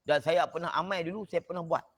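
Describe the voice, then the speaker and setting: A man, a religious teacher telling an anecdote in an online class in an animated way, his voice jumping up when he gets excited. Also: a little high, fast talker.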